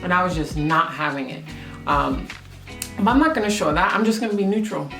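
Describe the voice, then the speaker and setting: A woman's voice: lowish voice, brisk, gravelly, fairly bright tone. A young woman telling a story about her work as a photographer in a casual, chatty way, full of "like" and "um". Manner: chatty, lots of "like" and "um", acts out quotes. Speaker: photographer vlogger. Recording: roomy echo with music underneath.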